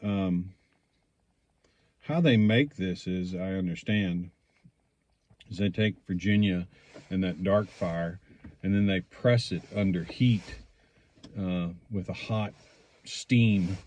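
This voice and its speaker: A man giving a casual, rambling product review, speaking in a hesitant, unhurried way as he thinks aloud. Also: fairly low pitch, darkish tone. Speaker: pipe tobacco reviewer.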